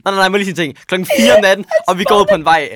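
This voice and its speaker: A teenage boy guesting on a podcast, telling a party story in a casual chat, animated and full of slang. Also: high-pitched. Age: teens. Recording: loud background noise.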